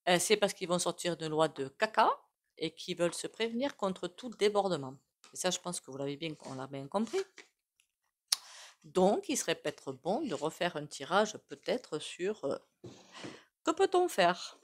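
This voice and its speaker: A woman's voice: on the low side, animated, normal speed. A woman doing a casual tarot reading, chatty and full of asides to her viewers. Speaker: tarot reader.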